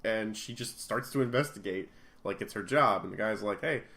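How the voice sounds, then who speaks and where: A man casually recapping a comic book issue on a podcast. He talks in a conversational, animated way, jumping into quick impressions of the characters as he goes. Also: fairly low pitch. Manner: animated retelling, acts out characters' lines. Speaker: podcast co-host.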